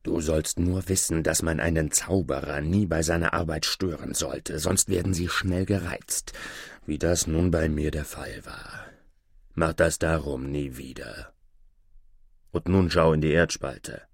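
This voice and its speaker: Scheming male sorcerer, menacing and coaxing, as a man puts him on: very deep, hushed, unhurried delivery in a storybook reading. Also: fairly even intonation, slightly rough, no echo, clean studio sound, full character voice. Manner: low, hushed and slow.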